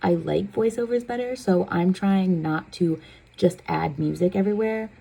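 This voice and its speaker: Young female vlogger, low gravelly voice, chatty and self-deprecating, a bit stuffy-nosed. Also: normal speed, dark tone. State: runny nose. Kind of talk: casual voice-over vlog.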